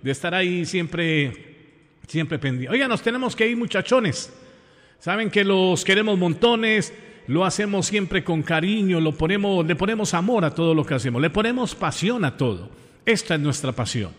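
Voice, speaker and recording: In a large hall, a Colombian man from Pereira with a Colombian accent hosts a radio show in a casual style. His voice is high and expressive at a moderate pace, and he addresses listeners affectionately and effusively, repeating phrases for emphasis.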